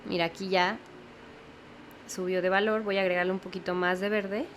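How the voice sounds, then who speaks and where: A woman's voice: on the low side, level tone, moderate pace, slight background noise. A young woman teaching a step-by-step watercolor lesson, patiently explaining and often checking in with the viewer. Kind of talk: step-by-step painting tutorial.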